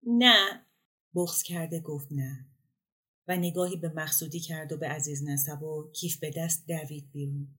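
A woman narrates a literary short story in a calm, measured way. Her voice sits low for a woman. The reading is steady and unhurried, like an audiobook. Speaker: story reader.

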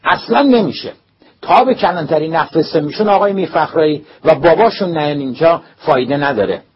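A man's voice: mid-range voice, fairly even intonation, breathy edge, pitched above the performer's own voice. A man doing a furious bellowing school principal. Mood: furious shouting. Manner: shouting, scolding, threatening. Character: furious middle-aged male school principal. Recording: dull lo-fi recording, faint hiss.

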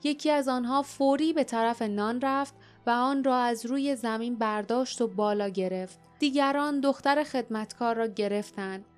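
A woman narrating a storybook with steady, expressive storytelling. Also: fairly high pitch, clear, resonant tone, soft background music. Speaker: audiobook narrator. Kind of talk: scripted narration.

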